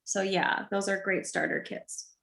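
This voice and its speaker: A woman's voice: mid-range voice, flat delivery, a little slow, fairly bright tone. A woman co-presenting in a casual chat, enthusiastically listing kit contents with many fillers. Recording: echoey room.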